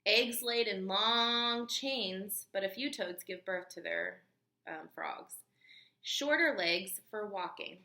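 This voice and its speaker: Reading a picture book to children as a teacher would, a woman with a mid-range voice delivers the story with expression and emphasis. She pauses to explain and to quiz her young audience. The recording has a roomy, echoing acoustic.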